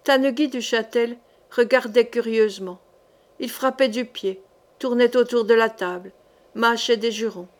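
A woman reading a historical novel aloud with measured, even narration. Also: a little high. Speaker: audiobook reader.

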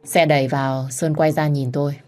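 A woman's voice: low voice, flat delivery, fairly quick, darkish tone. A woman reading a romance story aloud in the first person, telling it expressively. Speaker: audiobook narrator.

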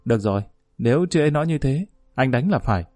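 A man voicing a calm, firm middle-aged village woman who mediates among husbands, speaking in a measured, plain-spoken, commanding way. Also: medium pitch, no echo, studio quality, faint music behind, lightly acted.

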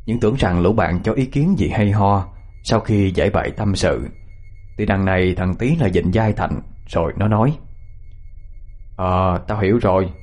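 A man, calmly narrating a scripted story. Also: fairly low pitch, normal speed, breathy edge.

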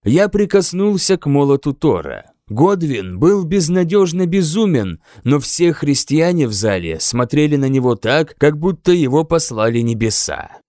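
A man narrating an audiobook in the first person with slow, expressive storytelling. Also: fairly high pitch, dry recording, clean studio sound.

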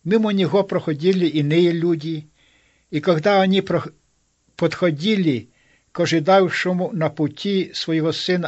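A man preaching a sermon, retelling a parable in a slow, measured way with many pauses. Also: a little high, a little mellow, muffled recording. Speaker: pastor.

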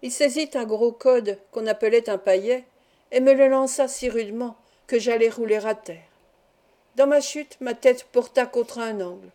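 A woman reads a novel aloud in a calm, measured way. Her voice sits a little high and sounds warm and mellow. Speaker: audiobook reader. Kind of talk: audiobook narration.

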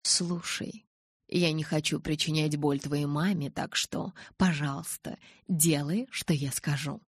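A menacing male kidnapper, read by a woman in an audiobook, calm and mocking as he gives his orders. The voice sits low and slightly husky. The recording is close and dry. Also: measured pace, dry recording, heavily acted. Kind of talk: audiobook character voice.

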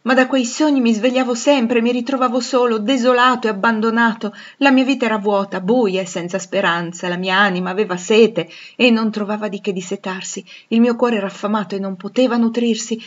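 A woman reading the part of a blind, passionate man who cries out loudly and urgently. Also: mid-range voice, fairly even intonation, moderate pace, few pauses, husky, dull audio. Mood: yearning. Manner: loud, imperious, then breathless with joy. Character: blind anguished middle-aged man, passionate.

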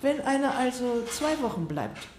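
In a radio play, an actress voices a mother recovering from heart surgery who persistently probes her daughter with questions, her delivery insistent and questioning. Her voice sits high with big pitch swings at normal speed, slightly mellow, in a reverberant space with a little hiss or hum.

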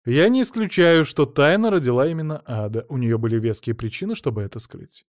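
A man's voice: mid-range voice, animated, brisk, a little mellow, no room sound, studio quality, lightly acted. Man voicing a weary, guarded older woman. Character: reserved older woman, a maternity ward worker.

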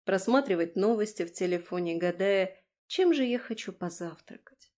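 A woman's voice: medium pitch, normal speed. Woman narrating a first-person audiobook. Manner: lively, ironic, voices dialogue.

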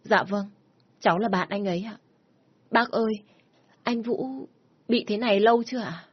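A woman's voice: medium pitch, normal speed, husky, highs cut off, pitched above the performer's own voice, close to an everyday voice. A woman voicing an anxious young woman who asks elders politely about her sick boyfriend. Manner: polite, deferential.

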